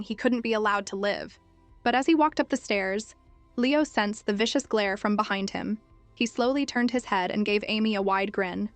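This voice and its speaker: Steady female story recap narrator. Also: mid-range voice, dry recording. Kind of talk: scripted narration.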